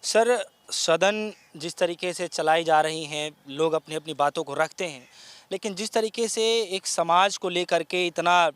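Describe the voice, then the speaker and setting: A man with a fairly high voice hosts a news interview. He introduces the story and asks questions in a conversational way, with fillers. The sound is dry and close. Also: unhurried, fairly bright tone, clear, resonant tone, no room sound.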